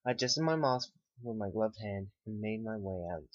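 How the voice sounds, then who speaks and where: A man reads a first-person horror story in a calm, unhurried manner. His voice sits on the low side and sounds dry and close, with a slightly dull, lo-fi quality to the recording. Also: dry recording. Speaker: narrator.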